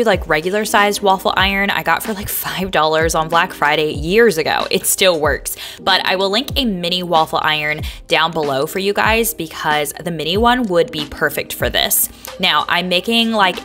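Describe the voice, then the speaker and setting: A woman's voice: fairly low pitch, pushed and bright. Chatty woman narrating her lunch prep. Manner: chatty, upbeat, uses many fillers. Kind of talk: casual voice-over narration.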